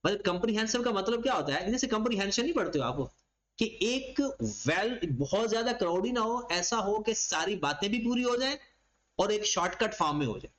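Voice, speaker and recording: A man's voice: high-pitched, animated, brisk, a bit bright, rough recording. A man giving a classroom lecture, explaining each point by asking a question and then answering it himself. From Pakistan. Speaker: accounting lecturer.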